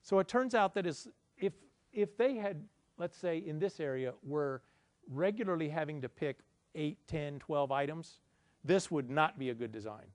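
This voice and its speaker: A middle-aged man explains a slide at a projector screen in an indoor conference room, part of a lecture with audience Q&A. His fairly high, darkish voice has lively intonation and a moderate pace, the recording is free of room sound, and his manner is conversational and self-deprecating.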